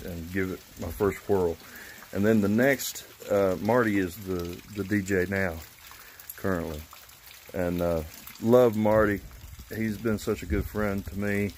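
A man in his fifties chatting casually and rambling through a vlog, recorded on a phone on a covered porch outdoors. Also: lowish voice. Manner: rambling, loosely organized. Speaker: vlogger. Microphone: phone at arm's length. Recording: outdoor phone recording with steady background noise.

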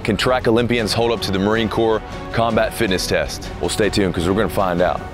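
A man hosting a fitness challenge at an outdoor running track, joking and shouting encouragement as the runners go. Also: lowish voice, steady tone, fairly quick, over music. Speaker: host. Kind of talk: energetic outdoor commentary.

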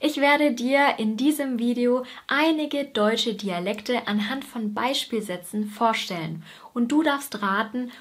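A woman's voice: a little high, measured pace. A woman from Bavaria with a Bavarian accent, hosting a German dialect lesson and talking straight to her viewers. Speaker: German teacher and video host. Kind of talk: scripted teaching presentation.

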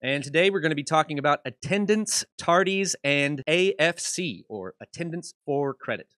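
A man's voice: fairly high pitch, expressive, normal speed, a bit bright, no echo. Jokey man explaining school rules. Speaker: school staff presenter. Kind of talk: school announcement video.

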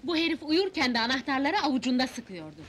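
A lively, hot-tempered flirt. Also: female voice, high voice, fast. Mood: angry. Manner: coy then fiery, theatrical.

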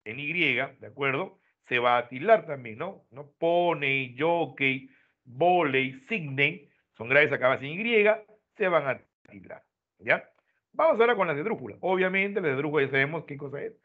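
A man teaching an online class, explaining step by step and ending his points with quick checks to his students. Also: fairly high pitch, animated. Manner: explains step by step, tags lines with "¿no?". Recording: tinny phone-like online audio.

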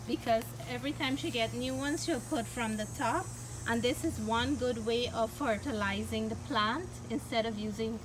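A woman's voice: a little high, normal speed, noisy background. Chatty Guyanese woman touring a garden. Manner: chatty, admiring. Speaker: cooking channel host. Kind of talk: casual garden tour. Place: backyard garden outdoors. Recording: background music under the voice.

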